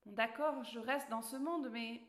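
Woman doing a high eager little girl, storybook voice, slow and bright. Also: roomy sound. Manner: high, excited, pleading delivery. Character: young girl Alice, eager and pleading.

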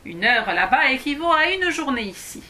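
A woman voicing a grumpy tiny male dwarf woodcarver in a storybook reading, gruff and scolding. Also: sits high, big pitch swings, normal speed, bright, forceful tone, voice pushed up, exaggerated voice. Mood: instructing.

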